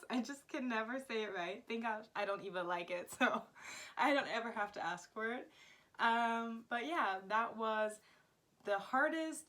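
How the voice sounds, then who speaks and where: Her voice sits fairly high, bright and forceful. This young American language vlogger from Florida chats to camera in a relaxed way, giggling frequently and peppering nearly every sentence with "like."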